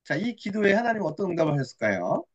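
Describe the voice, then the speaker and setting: A woman preaching a Bible story in an expressive, questioning storytelling manner. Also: on the low side, muffled recording. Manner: expressive, questioning, drawn-out reading. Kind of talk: children's sermon storytelling.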